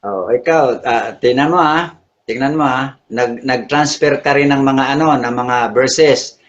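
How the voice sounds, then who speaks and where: A man's voice: medium pitch, unhurried, lo-fi sound. A pastor with a Filipino accent questioning his opponent in a debate, rereading verses to press his point.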